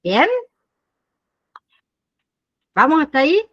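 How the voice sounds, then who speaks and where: A woman instructor teaching an online nursing class, explaining slowly and often pausing to check that students follow. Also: high-pitched, big pitch swings, a bit bright, lo-fi sound. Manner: explains slowly, checks understanding with frequent "¿sí?" and "¿bien?".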